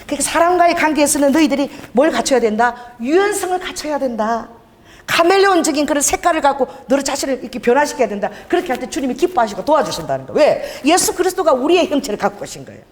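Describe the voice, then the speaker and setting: A woman's voice: high voice, very fast, a little hiss or hum. A middle-aged woman pastor preaching a sermon, telling stories with laughter and acting out dialogue. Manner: animated, laughing, acts out dialogue. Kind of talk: sermon with storytelling. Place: church sanctuary. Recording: long hall reverb.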